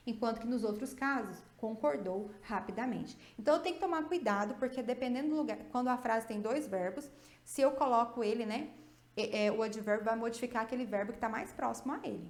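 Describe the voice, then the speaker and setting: A woman's voice: a little high, a little mellow, roomy sound. A woman with a Brazilian Portuguese accent who teaches English grammar in a video lesson and explains step by step, often checking in with her students.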